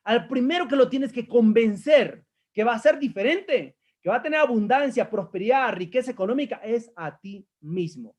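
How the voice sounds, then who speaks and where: A man with a high-pitched voice coaches a live audience. He speaks emphatically, repeats his key phrases and keeps checking in with questions. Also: expressive, moderate pace, a little mellow. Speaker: life coach. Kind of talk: live-streamed motivational coaching session.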